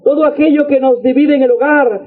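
A man's voice: very high-pitched, steady tone, brisk. A man preaching a sermon, exhorting his listeners and repeating phrases in rhythmic litanies. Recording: tinny phone-like radio broadcast.

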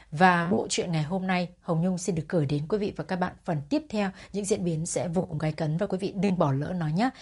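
A woman's voice: fairly low pitch, darkish tone, slightly rough. A woman channel host giving a formal, polite introduction to a story program.

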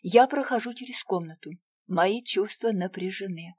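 Woman reading a dark story, quiet and tense, mid-pitch, dead dry sound. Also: normal speed, breathy edge, no room sound. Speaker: audiobook narrator. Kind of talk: first-person audiobook narration.

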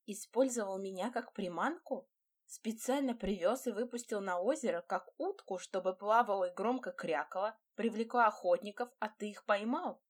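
A woman's voice: medium pitch, moderate pace, lightly acted. A woman voicing a fiery young bride who answers sharply and sarcastically in an audiobook. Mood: hurt.

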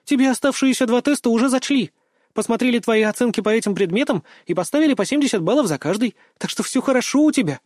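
A bubbly, teasing teenage schoolgirl, as a male narrator puts her on, lifted high above his own voice. She fires off questions in a bright, playful rush. The recording is close and dry. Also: expressive, dry recording. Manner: teasing, rapid-fire questions. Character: chatty cheeky teenage schoolgirl.

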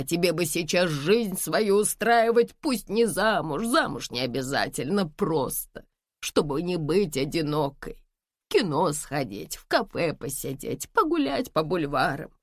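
A woman reading a gentle, worried old mother. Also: a bass voice, gravelly, no echo, clean studio sound, exaggerated voice. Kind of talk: audiobook dialogue.

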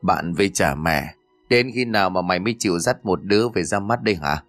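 A man's voice: sits low, animated, fairly quick, a bit bright, no room sound, faint music behind. A man doing a nagging, scolding mother. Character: scolding middle-aged mother, sharp-tongued.

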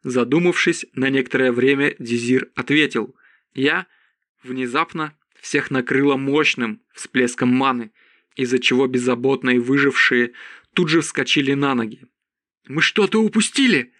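A man narrating an audiobook in a steady, even storytelling voice. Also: medium pitch, moderate pace, no room sound, studio quality.

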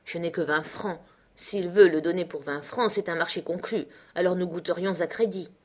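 Une femme lisant Benjamin, oncle ironique et emporté. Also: female voice, fairly low pitch, steady tone, moderate pace, lightly acted. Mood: ironic. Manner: exclaiming, ironic. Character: excitable, principled middle-aged uncle, a man.

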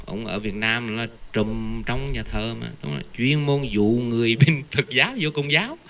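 A man giving an informal Buddhist dharma talk, telling stories with animated, earnest emphasis. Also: mid-range voice, moderate pace. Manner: animated, earnest storyteller who keeps repeating the Buddha's name. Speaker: Buddhist lay teacher.

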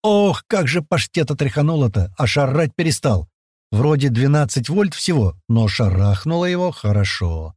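A man narrates a first-person audiobook in a casual, colloquial manner. His pitch is animated and swings widely, while the recording is dry and close with no room sound. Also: normal speed, no room sound. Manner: lively, colloquial storytelling.

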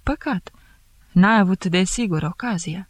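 A woman's voice: mid-range voice, no echo, lightly acted. A woman doing a bantering, teasing judge. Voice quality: thick voice. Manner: bantering, mocking. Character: jovial teasing male investigating judge.

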